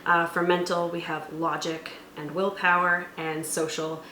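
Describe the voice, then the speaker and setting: A woman with a lowish, sharp-toned voice hosts a tabletop roleplaying tutorial, walking through the rules step by step in a methodical yet conversational way. Her delivery is flat and unhurried. The room is echoey, with faint background noise.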